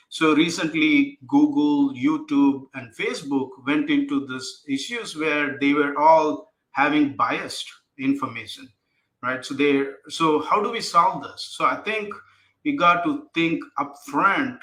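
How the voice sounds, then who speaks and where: A man's voice: fairly high pitch, pushed and bright, reverberant, poor audio. A man speaking as a panelist in an online panel discussion, earnest, often tagging his points with "right?" and "you know". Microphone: video call.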